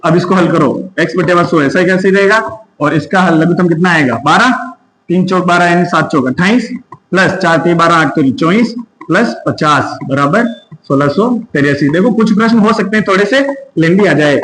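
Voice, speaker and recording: Guy doing an exam maths class, talks through each step, high pitched, echoey room. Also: moderate pace, a bit bright, a little hiss or hum. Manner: works through sums step by step, asking and answering himself. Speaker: maths teacher. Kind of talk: exam-prep maths lesson.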